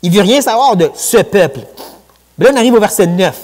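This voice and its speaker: A man with a Quebec French accent preaching a sermon in a church, lively and conversational, with colloquial asides. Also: high-pitched, fairly quick. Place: church sanctuary. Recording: long church hall reverb.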